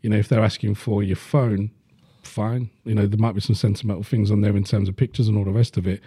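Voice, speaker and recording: A man's voice: lowish voice, flat delivery, fast talker, dark tone, husky, no echo, clean studio sound. A man, chatting bluntly on a podcast and swearing freely. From Leicester, England. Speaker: podcast host. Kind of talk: casual chat.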